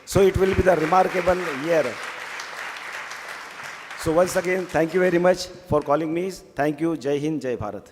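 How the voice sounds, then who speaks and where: A man's voice: fairly high pitch, normal speed, background noise. A man with an Indian accent makes a congratulatory public speech as a guest at a ceremony. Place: large hall at a college function. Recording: echoey hall with faint crowd.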